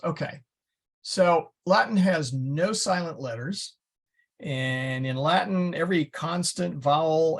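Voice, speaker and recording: A man lectures at an unhurried pace in a casual classroom manner, pausing to correct himself as he explains. His voice has a gravelly edge and a husky grain. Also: medium pitch, fairly bright tone. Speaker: Latin teacher. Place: church classroom.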